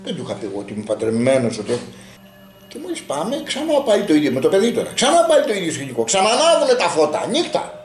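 A man's voice: fairly high pitch, wildly swooping pitch, reverberant, faint music behind. A man telling a long story in casual group talk and acting out the dialogue as he goes.

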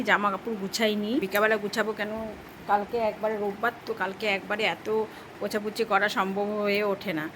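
A middle-aged woman talks to her viewers in a loose, rambling home vlog. She has a mid-range voice and chats as if to old friends. Faint noise sits under her voice. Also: medium pitch. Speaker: vlogger. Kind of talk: casual home vlog narration.

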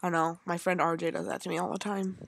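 Speaking quickly in a lowish, gravelly voice with a level tone, this young gaming host chats and rambles through her gameplay, addressing herself and viewers alike. There's slight background noise.

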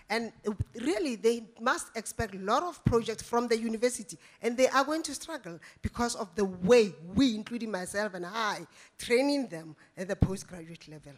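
Woman audience member, insistent, stresses each point; handheld mic in a conference hall. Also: fairly high pitch. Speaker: audience member at a panel, university staff. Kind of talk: impassioned comment from the floor. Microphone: handheld microphone.

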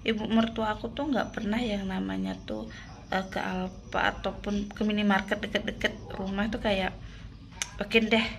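A woman's voice: mid-range voice, flat delivery, normal speed, gravelly, a little hiss or hum. A woman vlogging in a casual, chatty way, often calling her viewers "guys". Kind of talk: casual vlog chat.

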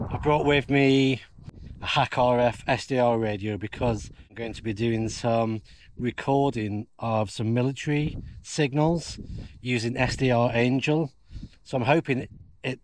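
A middle-aged man casually explains his off-grid radio gear in a camping vlog, filmed on a camera outdoors in a windy field and inside a canvas tent. His voice is medium-pitched, with a little hiss or hum in the recording.

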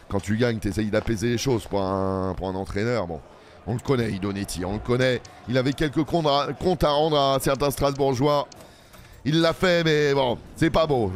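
A man from France giving lively football commentary over a game he is playing, shouting and repeating calls at big moments. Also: medium pitch, a little hiss or hum. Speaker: gaming YouTuber. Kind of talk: excited let's-play match commentary.

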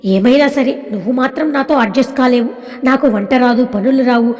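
A woman's voice: fairly high pitch, fairly quick, a little mellow, close to an everyday voice. A woman voicing a playful young college woman who puts on mock anger, speaking in a sassy, teasing way. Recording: long hall reverb.

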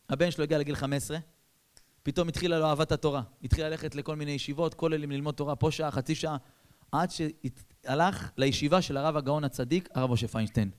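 A man preaching as a rabbi, telling a story in a lively way and switching between loud bursts and hushed asides. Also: on the high side, smooth. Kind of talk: storytelling sermon.

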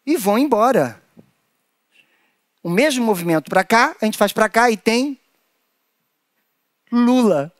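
A Brazilian man leads a playful children's lesson, his voice pitched high for a man. He bounces through a wide, sing-song range. The sound is close and dry, with no room around it. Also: measured pace, long pauses, no echo. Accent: Brazilian Portuguese. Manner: animated, playful, acts out creatures in squeaky high voices. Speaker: children's performer leading a hand-play workshop.

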